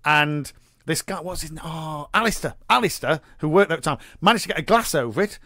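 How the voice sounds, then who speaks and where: A man co-hosting a casual comedic chat show, telling stories in an animated way, often repeating words and giggling. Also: fairly high pitch, fairly quick, no room sound, studio quality. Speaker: podcast co-host. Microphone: studio microphone.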